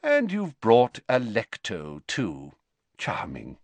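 A man voicing a calm, courteous elderly male wizard who speaks quietly. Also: fairly low pitch, takes it slowly, dry recording, heavily acted.

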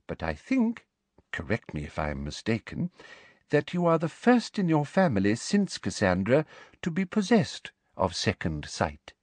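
A man voicing a prim, sweetly menacing female school inspector who speaks softly and coldly. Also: medium pitch, huge pitch swings, measured pace, no echo. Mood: sweetly probing. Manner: soft, sugary, coldly polite.

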